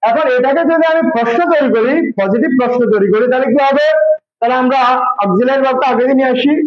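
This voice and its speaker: A man's voice: very high voice, fast, highs cut off. A man teaching an English grammar lesson to a class, repeating each example and asking students to say it back with him. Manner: drills students with repeated call-and-response questions.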